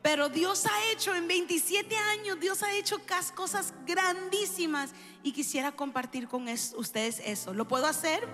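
A middle-aged woman with a high, bright speaking voice shares her testimony from the stage of a large church. She talks warmly and directly to the crowd, drawing them in with questions. Her voice rings through an echoey hall, with soft music playing behind her. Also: moderate pace, few pauses. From New York. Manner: warm, engaging, questions the audience. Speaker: worship singer.

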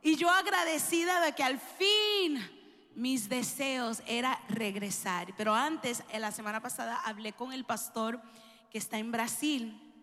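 A middle-aged woman from New York, a worship singer, giving her testimony to a church audience, engaging and warm, often questioning the crowd. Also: on the high side, unhurried. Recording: echoey hall with soft music.

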